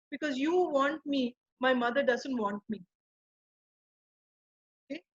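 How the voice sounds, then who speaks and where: A woman's voice: sits high, fairly bright tone, slightly rough, muffled recording. A woman, a child counselor giving an earnest talk to parents and often asking if they follow. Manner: earnest, asks the audience for agreement.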